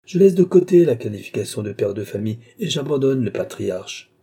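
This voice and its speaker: A man's voice: mid-range voice, sing-song, a little fast, warm tone, breathy edge. A man reading as an impatient, wry old king. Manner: ironic, exasperated questioning. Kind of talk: audiobook reading.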